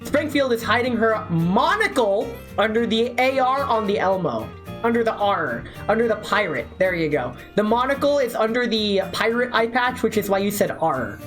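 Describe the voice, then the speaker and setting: A woman's voice: on the high side, lively intonation, normal speed, soft background music. A young adult woman streamer chatting and joking during a live game reading, rambling and profane.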